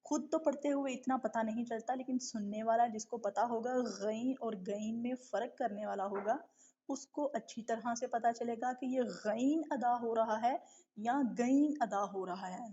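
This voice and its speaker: A woman with a fairly high voice teaches recitation in a live online class. She explains patiently, stretches out letter sounds to demonstrate them, and keeps checking that her students follow. The sound is dull and lo-fi, like an online stream. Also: warm tone, breathy edge. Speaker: tajweed teacher.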